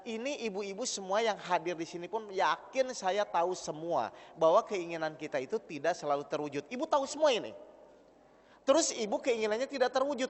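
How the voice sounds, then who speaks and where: A man's voice: high voice, fairly bright tone. A male preacher giving an interactive religious talk to a gathering of women, teasing them and asking them questions over and over. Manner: teasing, keeps questioning the audience. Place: gathering hall with an audience of women. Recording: long hall reverb.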